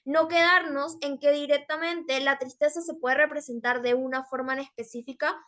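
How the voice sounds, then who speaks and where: A woman's voice: high voice, fairly even intonation, moderate pace, bright, forceful tone. A young woman giving a workshop presentation on public speaking, explaining with frequent fillers.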